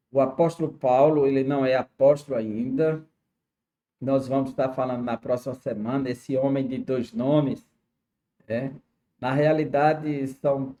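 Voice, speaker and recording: A man's voice: on the high side, mellow. Brazilian man teaching a Bible lesson. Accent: Brazilian Portuguese. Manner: explanatory, with frequent "né?" and "tá certo?" checks. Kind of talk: Sunday school Bible lesson.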